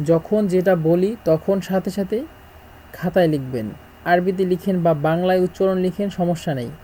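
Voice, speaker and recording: A middle-aged man from Bangladesh, teaching a language lesson and repeating words slowly as he drills them. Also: high voice, mellow, a little hiss or hum, low-quality recording.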